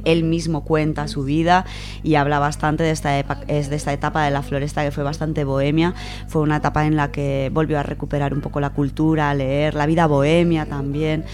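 A woman with a low, slightly mellow voice and a Spain Spanish accent presents an informal biographical radio segment, talking from notes. She chats to listeners with familiar, colloquial asides while music plays behind her.

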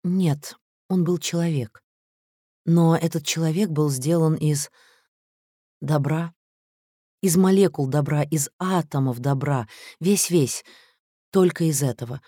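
A man reading an audiobook story, voicing a fragile young woman chess player who speaks in halting, trembling phrases with a raised voice. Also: fairly high pitch, dark tone, no room sound, clean studio sound, voice pushed up.

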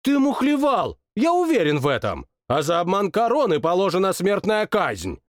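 A bratty young monarch with a shrill, whiny voice that leaps all over the place, performed by a man. He sulks, bosses and shouts at everyone around him. The audiobook sound is close and dry. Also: wildly swooping pitch, normal speed, no room sound. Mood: capricious. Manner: shouts orders and sulks capriciously. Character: petulant, boastful young male king, childish tyrant. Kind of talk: audiobook character voice.

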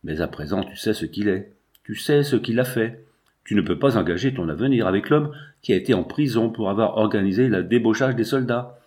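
A man's voice: lowish voice, animated, fairly quick, darkish tone, lightly acted. A man reading the lines of an anguished young man who accuses and protests vehemently, in a storybook reading. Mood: indignant.

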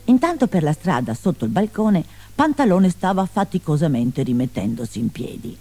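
A storyteller reading a fairy tale aloud with expressive, animated delivery. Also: medium pitch, normal speed, faint music behind.

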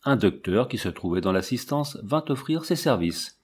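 A man narrates a novel at an even, measured pace. His voice sits at a middling pitch, and his delivery stays steady and composed. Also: breathy edge. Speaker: audiobook reader.

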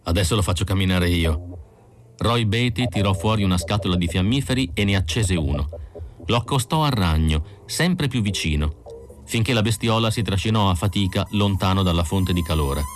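A man narrating a novel as an audiobook reader, measured and expressive. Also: fairly low pitch, a little hiss or hum.

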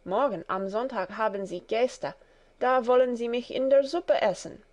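A woman voicing a doomed, desperate male rooster in a warm fairy tale telling, with exclaiming delivery. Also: fairly high pitch, moderate pace, natural voice. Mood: desperate, defiant. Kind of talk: storybook character reading.

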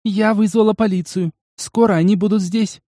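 A man voicing a young female waitress with a thin, high voice, in an audiobook. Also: fairly even intonation, normal speed, warm tone, no room sound, clean studio sound, natural voice. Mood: pleading.

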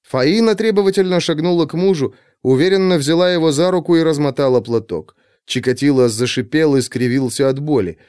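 A man narrating an audiobook in an expressive, measured storytelling manner. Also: on the high side, clean tone, no room sound, studio quality.

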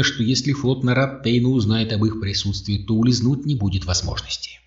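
A man narrating an audiobook in a measured, even reading. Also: medium pitch. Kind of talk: scripted narration. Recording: dull roomy audio, distant mic.

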